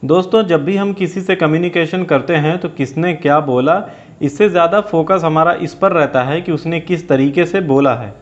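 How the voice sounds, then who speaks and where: A man giving a scripted explainer lesson in a steady, even lecture delivery. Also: a little high, moderate pace. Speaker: teacher. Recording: dull lo-fi voice-over with faint music.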